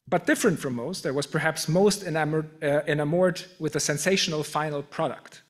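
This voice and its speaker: A middle-aged man with a German accent delivering a prepared acceptance speech as a professor, measured and self-deprecating, with occasional restarts. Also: on the high side. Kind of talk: formal prepared speech with humor.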